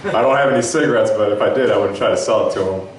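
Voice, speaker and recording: A young man doing a stand-up set with a laid-back, halting delivery full of fillers. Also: on the low side, a little hiss or hum. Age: young adult. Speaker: stand-up comic. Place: club stage. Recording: echoey room from far off.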